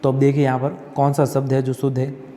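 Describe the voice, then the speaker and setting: A man teaching an exam-prep spelling lesson, asking and answering his own questions and repeating words slowly. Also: mid-range voice, completely flat delivery, warm tone, in a large hall, a little hiss or hum.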